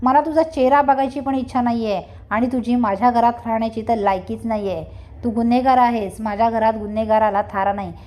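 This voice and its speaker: A woman voicing a furious wealthy father who scolds and shouts as the stern head of the house. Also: a little high, steady tone, a little fast, close to an everyday voice. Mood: angry scolding.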